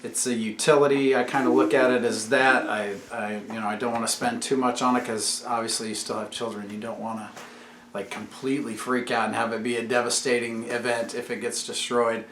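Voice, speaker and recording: A man's mid-range, somewhat bright voice comes across flat and brisk as he hosts a laid-back home vlog for his YouTube channel. Like a patient teacher, he explains things and poses questions to his kids. It's recorded in an echoey room at home with a faint hum of background noise.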